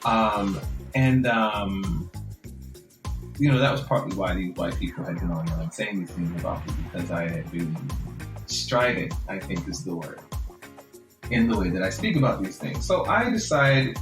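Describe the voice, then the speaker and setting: A man with a Jamaican accent, telling his story as a podcast guest in an earnest, reflective way and laughing often. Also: on the low side. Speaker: guest author. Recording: roomy echo.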